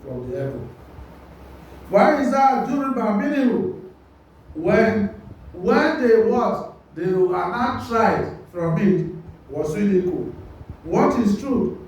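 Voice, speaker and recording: A man's voice: sits high, big pitch swings, takes it slowly, pauses often, a little mellow. A man giving a religious lesson who reads a passage, explains it line by line and quizzes his listeners with rhetorical questions. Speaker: Quran commentary teacher. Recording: very echoey hall, mic far off.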